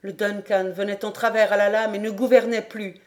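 A woman reading a classic adventure novel aloud, steady and expressive as she carries a storm scene. Her voice sits at an ordinary middle pitch, recorded close on a home microphone. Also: normal speed. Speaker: audiobook narrator.

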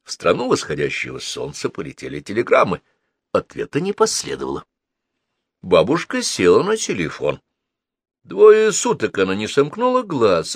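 Expressive male audiobook narrator. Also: lowish voice, husky, dry recording, clean studio sound. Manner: expressive, ironic storytelling. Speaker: audiobook reader. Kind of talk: scripted narration.

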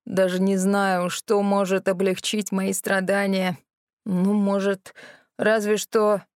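A woman's voice: medium pitch, flat delivery, slow, no echo, studio quality, lightly acted. A woman voicing a whiny, sulky male kraken who over-dramatizes every complaint. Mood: whining. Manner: whining, theatrical complaining.

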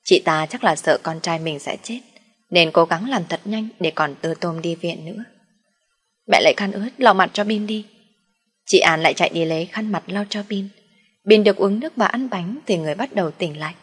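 A woman narrating a dramatic audio story in a first-person telling. Her voice is low-pitched and husky. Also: a little fast.

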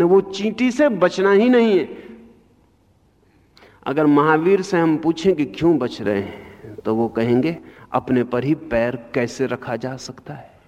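A man giving a spiritual discourse, speaking slowly and with emphasis, his voice rising sharply on key points, in a lo-fi archival recording. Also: medium pitch, a little mellow. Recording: lo-fi archival recording in a long-reverb hall.

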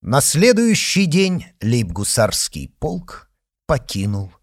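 A man narrating a historical detective audiobook with dramatic, expressive reading. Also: medium pitch, takes it slowly. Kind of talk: scripted narration.

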